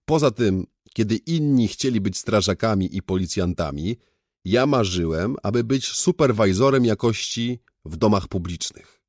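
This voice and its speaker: A man reading an audiobook, voicing a crude, excitable young male friend who boasts loudly and vulgarly. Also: lowish voice, moderate pace, no echo, clean studio sound, voice pushed up. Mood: boastful.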